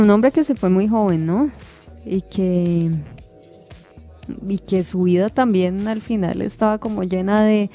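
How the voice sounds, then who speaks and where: A woman's voice: medium pitch, warm tone. A female radio co-host in casual on-air chat, reading out dated anniversaries and agreeing readily.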